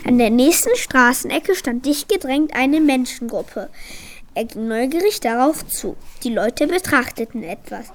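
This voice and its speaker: A woman reading a children's book aloud in a clear, even storytelling manner. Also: high-pitched, a little slow. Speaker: reader.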